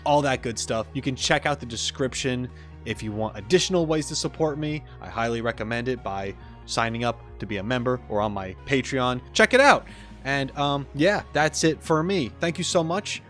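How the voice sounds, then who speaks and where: A video host reacts to a game casually, exclamatory and informal as he thinks aloud, in a medium-pitched, slightly bright voice. Game music plays in the background.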